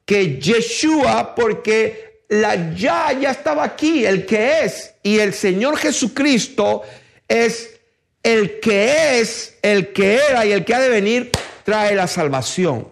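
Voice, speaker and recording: A middle-aged man preaching a sermon in an emphatic way, putting rhetorical questions to his congregation. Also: sits high.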